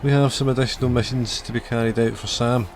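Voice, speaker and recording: A man giving casual, explanatory video game review commentary, pausing often as he finds his words. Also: medium pitch, steady tone, a little hiss or hum. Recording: loud game music behind voice. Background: game music and dialogue.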